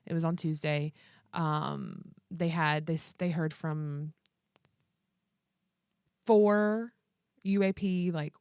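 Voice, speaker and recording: Low-voiced woman in casual chat. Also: fairly even intonation, slow, pauses often, darkish tone, smooth, no room sound, clean studio sound. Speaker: podcast co-host.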